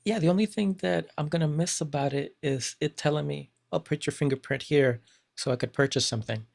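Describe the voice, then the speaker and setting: A man's voice: fairly high pitch, brisk, creaky, darkish tone. A man giving casual answers as a panelist in a tech discussion.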